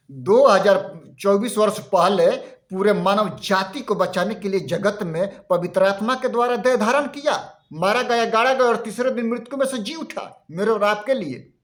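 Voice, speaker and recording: Male preacher, high voice, unhurried delivery, fervent sermon tone. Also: a bit bright. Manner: fervent preaching, reads Bible verses aloud. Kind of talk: Hindi Christmas sermon.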